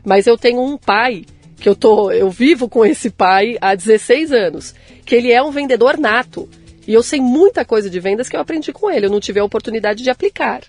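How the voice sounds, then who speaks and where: A woman's voice: a little high, lively intonation, brisk, a little mellow, faint music behind. Earnest Brazilian woman telling her story. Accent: Brazilian Portuguese. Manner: earnest, persistent storytelling with frequent "né". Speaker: guest, entrepreneur. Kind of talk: conversational interview.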